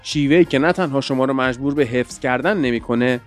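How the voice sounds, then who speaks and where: Clear-voiced man teaching pronunciation. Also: mid-range voice, faint music behind. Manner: conversational, explains with examples. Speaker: English teacher and podcast host. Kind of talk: explanatory podcast lesson.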